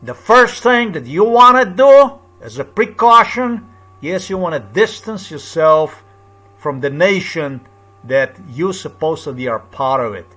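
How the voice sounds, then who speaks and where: A man's voice: fairly high pitch, lively intonation, a little slow, sharp tone. A man from Slovenia with a Slovenian accent, speaking to camera in an insistent, repetitive, lecturing monologue. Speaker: video blogger.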